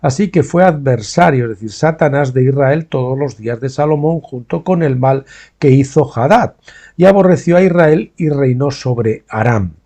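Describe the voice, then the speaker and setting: A warm, mid-range male voice reads a Bible study aloud as a teacher, stopping for his own asides and tag questions to make sure listeners are keeping up. He pauses to explain names and terms in his own words.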